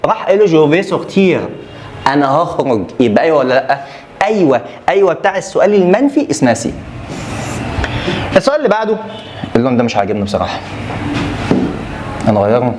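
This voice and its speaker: An animated Egyptian male French teacher with a high voice and a fast delivery. He drills rules over and over and jokes with his students between points. A faint hiss sits under his voice. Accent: Egyptian Arabic. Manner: animated, repetitive drilling with playful asides to students. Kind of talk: exam review lesson.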